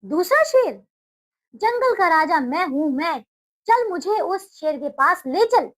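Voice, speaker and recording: A woman's voice: very high voice, sing-song, slow, voice pushed up, exaggerated voice. A woman reading aloud and voicing a proud, angry male lion who rules the forest, roaring threats. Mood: furious.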